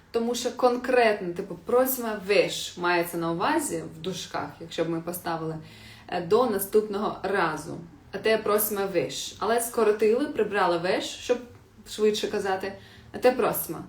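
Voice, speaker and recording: A woman teaching a live online language lesson, spelling words out letter by letter and reading answers from the chat. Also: medium pitch. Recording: roomy echo.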